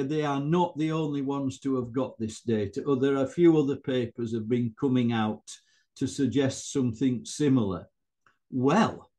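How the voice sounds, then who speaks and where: An elderly man's voice, mid-pitched and unhurried, presents scientific research with slides. He talks informally and haltingly, taking his time and addressing his listeners in asides. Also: warm tone. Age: older.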